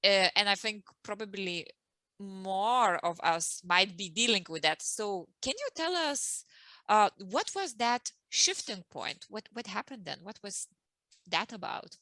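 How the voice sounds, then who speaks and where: Bright-voiced woman host, dry close sound. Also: mid-range voice, animated, a little slow, dry recording, low-quality recording. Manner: warm-up introductions with frequent ums and restarts. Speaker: host and emotional well-being coach. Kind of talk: casual interview chat.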